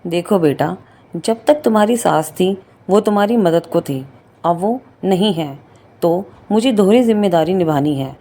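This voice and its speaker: A woman voicing a kind, soft-spoken older father-in-law in a read-aloud story. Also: on the low side, lively intonation, measured pace. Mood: affectionate. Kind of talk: storybook reading.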